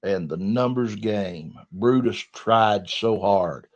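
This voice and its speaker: Speaking slowly in a voice on the low side, a Southern-accented man recaps wrestling matches on his podcast. The chat is casual and folksy, full of colloquial storytelling, and the recording sounds dull and lo-fi.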